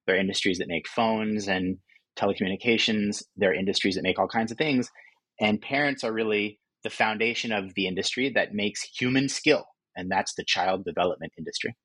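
A man in his forties with a low, slightly husky voice answers a podcast interviewer's questions. He speaks thoughtfully and often restarts his sentences, and the recording sounds close and dry. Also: fairly quick, fairly bright tone, no room sound, poor audio. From California. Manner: thoughtful, with frequent restarts and fillers. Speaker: author and guest.

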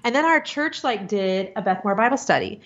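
A middle-aged woman talking as a podcast guest, chatty and animated, with quick asides and frequent laughs. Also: medium pitch. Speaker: podcast guest, business conference organizer. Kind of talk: casual interview chat. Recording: dull lo-fi sound.

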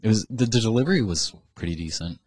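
A man's voice: lowish voice, lively intonation, fast talker, darkish tone. A man co-hosting a podcast, bantering casually, joking and laughing often. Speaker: podcast co-host.

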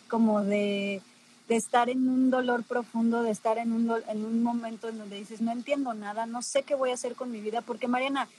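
A woman's voice: on the high side, darkish tone, a little hiss or hum, poor audio. A woman podcast host, interviewing a guest with long, meandering questions full of restarts. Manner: probing, rambling questions with restarts. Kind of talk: conversational interview.

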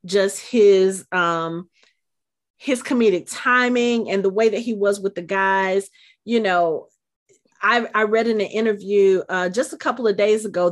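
A middle-aged woman co-hosting a podcast, chatting casually and emotionally, with many fillers and restarts. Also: medium pitch. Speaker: podcast co-host.

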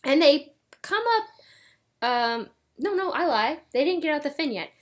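A woman's voice: high-pitched, animated, unhurried. A woman casually retelling a tabletop game session for a podcast, rambling with lots of fillers and self-corrections.

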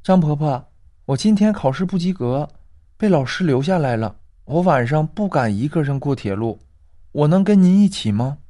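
A man voicing a frightened village schoolgirl, pitching his voice up and pleading in a high whine. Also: lively intonation, normal speed, dark tone, close to an everyday voice.

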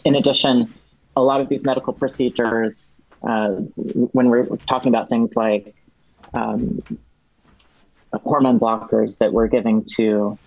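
A man speaking as a podcast guest, explaining a policy issue in a measured, detailed way with frequent restarts. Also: mid-range voice, little pitch movement, darkish tone, no echo. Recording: dull, dry lo-fi sound.

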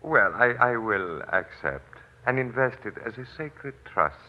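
An actor playing a sly, pompous fake swami with a solemn, formal, theatrical manner in an old radio drama. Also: male voice, mid-range voice, very animated, a little slow. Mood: smooth, wary. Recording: dull, noisy old radio recording.

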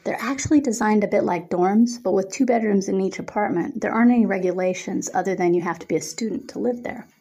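A woman voicing a brisk, matter-of-fact young woman working registration. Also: medium pitch, dark tone, husky. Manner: matter-of-fact, then peppy.

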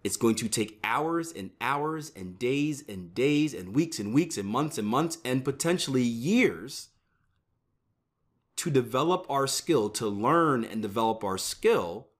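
A man's voice: mid-range voice, animated, measured pace. A man in his thirties talking casually to his viewers about trading, often checking in with "right?" as he explains. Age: 30s. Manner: conversational, repeats "right?" often. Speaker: trading educator.

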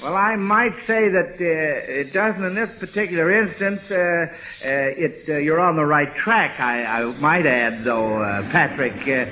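A man's voice: on the high side, a little slow, pushed and bright, rough recording. A man with an American accent hosting an old-time radio quiz in a folksy way, with hesitations and repeated words. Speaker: quizmaster host. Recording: hissy vintage radio broadcast.

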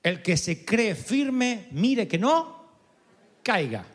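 A male pastor preaches a sermon in an unusually high voice. He drives his points home emphatically, stacking phrase after phrase. The sound carries a long hall reverb. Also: big pitch swings, drawn-out words. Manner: emphatic, builds through repeated lists.

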